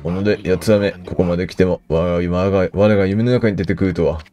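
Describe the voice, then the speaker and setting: A man's voice: low-pitched, fairly even intonation, quick pace, dark tone, highs cut off, pitched below the performer's own voice, close to an everyday voice. A man doing a pompous dreaming swordsman. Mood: tormented. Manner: archaic, pompous.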